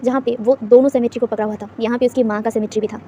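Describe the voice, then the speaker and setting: Fast-talking woman narrating fan fiction. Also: fairly high pitch, steady tone, mellow, slight background noise. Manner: rapid, filler-heavy retelling. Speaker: storyteller.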